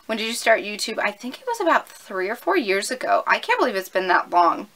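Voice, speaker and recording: A woman's voice: medium pitch, very animated, a little fast, fairly bright tone, poor audio. A woman of twenty-one, chatty and upbeat, answering viewer questions in a casual vlog filmed at home on a camera mic. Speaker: YouTuber.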